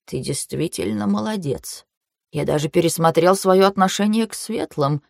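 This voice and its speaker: A woman voicing an older male clan mentor who speaks slowly and hesitantly, weighing each word, in an audiobook. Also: on the low side, gravelly, darkish tone, dry recording, studio quality. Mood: measured. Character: elderly male clan mentor, fussy and measured. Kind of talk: audiobook character voice.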